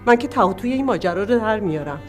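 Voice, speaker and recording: A woman's voice: mid-range voice, expressive, music in the background, lightly acted. An actress playing a middle-aged widow and mother of two who pleads and accuses. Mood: threatening. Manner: pleading, then bitter and accusing. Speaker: widow confronting her husband's associates. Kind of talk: TV drama acting.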